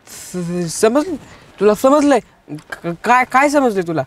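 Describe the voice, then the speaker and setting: An actor playing Pappya, a mischievous young village man who stammers and talks in a rustic, excitable way. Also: extremely high pitch, measured pace. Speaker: prankster friend.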